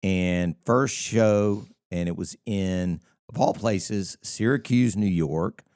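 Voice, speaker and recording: A man with a fairly low voice chats casually on a podcast. He tells rambling, animated stories, full of restarts and asides. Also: slow, clean tone. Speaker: podcast co-host, DJ. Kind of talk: casual chat.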